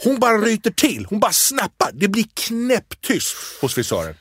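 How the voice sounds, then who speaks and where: A man's voice: high-pitched, slightly rough, dry recording, studio quality. A man telling a funny story in casual chat, acting out the people he quotes. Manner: animated, acts out quoted voices. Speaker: podcast co-host.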